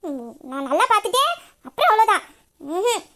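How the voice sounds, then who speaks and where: Woman voicing a bashful young wife, very high voice, quick giggly retorts, fast talk, romantic audio drama. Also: very animated, pushed and bright, full character voice. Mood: protesting. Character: shy, sharp-tongued young wife, playfully stubborn.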